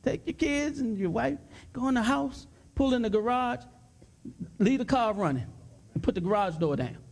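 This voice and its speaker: A man, a pastor, preaching fervently in a panel discussion and repeating his points with rising excitement. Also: extremely high pitch, moderate pace, creaky. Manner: fervent, repetitive exhortation; gets excited and loud.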